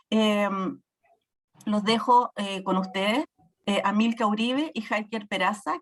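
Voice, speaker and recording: A woman's voice: mid-range voice, fairly bright tone. A woman moderating an online talk, making friendly, informal announcements and introducing the speakers.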